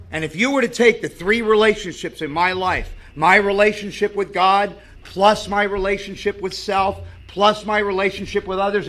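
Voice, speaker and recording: High, gravelly-voiced recovery speaker. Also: male voice, fairly bright tone. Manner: earnest, storytelling, conversational. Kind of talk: personal recovery share with stories.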